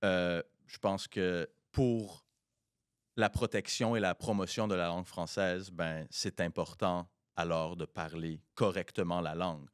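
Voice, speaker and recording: A man's voice: low voice, fairly even intonation, measured pace, smooth, no room sound, clean studio sound. A man co-hosting a podcast in casual chat, switching between French and English mid-sentence and giving firm, emphatic opinions. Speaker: podcast co-host.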